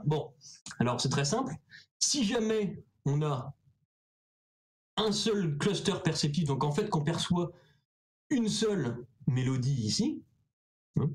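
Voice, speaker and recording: A man presenting his thesis research in a casual, chatty way, with many fillers and restarts and self-mocking asides. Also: a little high. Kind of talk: casual explanatory talk.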